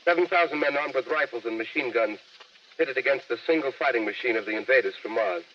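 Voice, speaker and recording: Grave and measured, a 1930s studio announcer reading a stream of urgent bulletins in a radio drama. The voice comes through old AM radio, muffled and set back from the mic, with a faint hiss underneath. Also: male voice, mid-range voice. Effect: old AM radio broadcast sound. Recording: distant, muffled 1938 radio broadcast with hiss.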